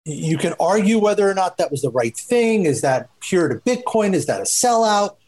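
A man, a journalist, speaking thoughtfully on a panel discussion, often pausing with asides. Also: high voice, big pitch swings, darkish tone, poor audio. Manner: reflective, hedging with asides. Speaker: journalist guest.

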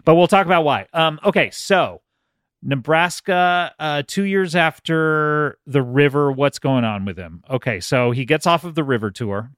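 A man's voice: a little high, lively intonation, unhurried, fairly bright tone, clear, resonant tone, no room sound, clean studio sound. A man co-hosting a podcast in casual, comedic banter with an informal, bantering manner. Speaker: podcast host.

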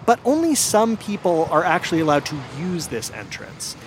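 Lively male radio host narrating. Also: high-pitched, normal speed, a little hiss or hum. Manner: lively, storytelling delivery.

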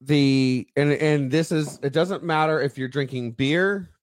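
A man's voice: a little high, measured pace, no echo, clean studio sound. Man explaining in a loose, rambling way. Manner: rambling explainer with many ums and restarts. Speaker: podcast co-host. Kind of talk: casual chat.

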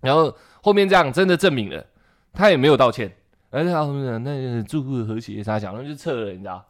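A young man telling a story in casual podcast chat, animated and full of swearing. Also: medium pitch, fast. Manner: animated, heavy swearing, acts out other people's voices.

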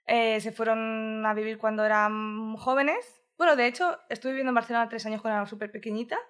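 A woman's voice: fairly high pitch, fairly even intonation, brisk, fairly bright tone, clear, resonant tone. A woman in her twenties with a central Spain accent, a podcast guest telling stories in a chatty way, full of fillers. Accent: Spain Spanish, central. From Madrid, Spain. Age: 20s. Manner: chatty storytelling with many "o sea" fillers. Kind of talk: casual podcast interview.

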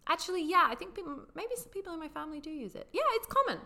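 British woman, podcast co-host, bright voice, wry, casual banter. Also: very high voice, big pitch swings, very fast. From Britain. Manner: wry, fond of quoting people in mock voices. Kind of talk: casual chat.

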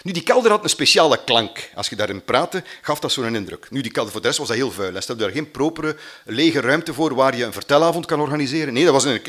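A man recounts a story from his youth in a plain, mid-pitched voice. He pauses often on fillers, then speeds up as he reaches the tense parts. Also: animated, fairly bright tone. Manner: halting, with many fillers, acts out quotes. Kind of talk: personal storytelling.

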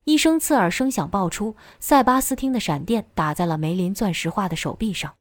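A woman narrating a novel chapter as an audiobook in steady, even storytelling. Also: medium pitch, brisk, no echo, clean studio sound.

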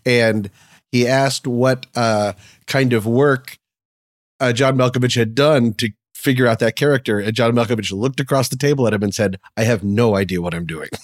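A man on a casual movie podcast, telling an anecdote in a relaxed, easy way. His voice sits at an ordinary middle pitch. The sound is close and dry. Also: normal speed, no room sound. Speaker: podcast co-host.

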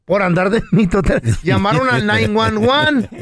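A Mexican man hosting a comedy podcast, telling a story loudly and theatrically. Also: high-pitched, normal speed. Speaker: podcast host.

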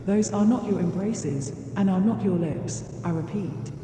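A woman playing a wistful train station announcer who calmly and formally repeats her instructions. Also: medium pitch, a little slow, natural voice. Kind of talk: public address announcement. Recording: echoey station hall, vehicle noise.

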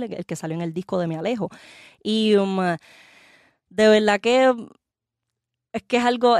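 A woman's voice: medium pitch, a little mellow, no room sound, studio quality. A young woman from Puerto Rico with a Puerto Rican accent, a singer talking in a casual interview, hesitant and repeating her words. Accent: Puerto Rican Spanish. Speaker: singer guest.

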